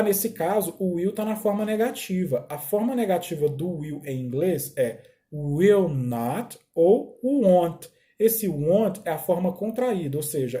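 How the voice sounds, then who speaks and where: Brazilian man teaching, very dark tone. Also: a little high. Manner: explains slowly, repeats phrases, checks with "tá?". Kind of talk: recorded English lesson for ninth graders.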